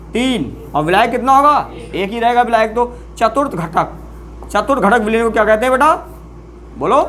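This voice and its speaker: A chemistry teacher talks through a lesson in a steady classroom manner. The teacher keeps asking the students questions and answering them, and repeats new terms slowly so they stick. There is a faint hiss behind the voice. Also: mid-range voice. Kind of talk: classroom lecture.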